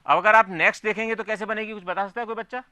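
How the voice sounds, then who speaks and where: A man's voice: high voice, steady tone, rapid-fire, sharp tone, smooth, no room sound. A man teaching a physics class, explaining step by step and often asking his students whether they follow. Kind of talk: classroom lecture.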